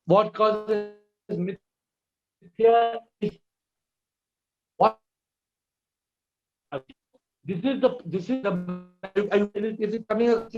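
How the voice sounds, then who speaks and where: A man with a fairly high voice teaches over a shaky phone call from outdoors, his words breaking up on the line. The sound is muffled and distant, and he keeps repeating himself and asking whether anyone can hear him. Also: fairly even intonation, takes it slowly, long pauses, darkish tone, faint music behind. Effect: voice breaking up over a bad call connection. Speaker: spiritual teacher answering questions. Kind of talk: live online question-and-answer teaching. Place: outdoors by a lake.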